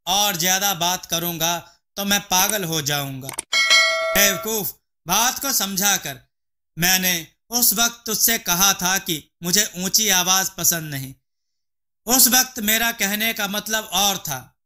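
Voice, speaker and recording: A man's voice: high-pitched, slow, pushed and bright, slight background noise, heavily acted. Kirodi Mal, a man doing a scornful rich landlord. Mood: exasperated. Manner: scolding, contemptuous. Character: arrogant, harsh rich male landlord.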